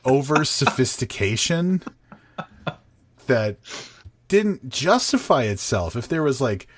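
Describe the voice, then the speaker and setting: A man co-hosting a podcast, talking bluntly in halting, stop-start sentences and swearing freely. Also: medium pitch, big pitch swings, a little hiss or hum. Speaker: podcast co-host. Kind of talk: casual book review chat.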